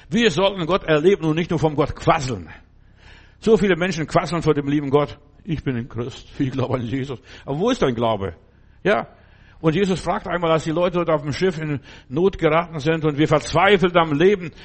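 Fervent preacher, exhorting and repeating. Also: male voice, a little high. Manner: fervent, exhorting, repeats phrases, asks "verstehst du". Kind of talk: sermon.

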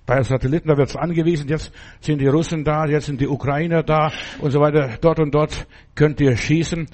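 Older preacher, emphatic and fairly high-voiced. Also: male voice, steady tone, brisk, darkish tone. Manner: emphatic preaching, addresses congregation directly. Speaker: pastor. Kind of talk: sermon.

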